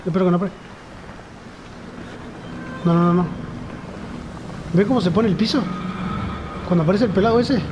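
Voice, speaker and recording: A man's voice: sits high, normal speed, pauses often, noisy background. A man with a Rioplatense Spanish accent narrating a horror game, muttering nervously and frightened to himself. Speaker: gamer. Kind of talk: horror game let's play commentary.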